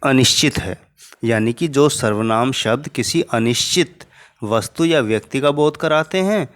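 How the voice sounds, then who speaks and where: A man's voice: mid-range voice, measured pace. A man teaching a Hindi grammar lesson to children, patiently spelling out each example.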